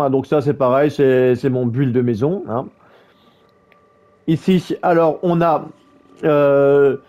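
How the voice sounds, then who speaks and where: Male gaming YouTuber, casual guide voice-over, lots of fillers, mellow tone, muffled lo-fi sound. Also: on the high side. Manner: halting, many fillers and restarts.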